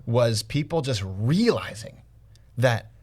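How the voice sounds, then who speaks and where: A man's voice: mid-range voice, very animated, slow, a little mellow. A man hosting a casual podcast, talking in an earnest, reflective way and sometimes losing his thread. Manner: earnest, reflective, loses his train of thought. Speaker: podcast host.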